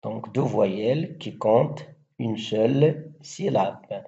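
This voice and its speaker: Male teacher, mellow low voice, unhurried, recites verse examples on a muffled recording. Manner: slow, deliberate, spelling out syllables and rhyme schemes. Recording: dull lo-fi recording.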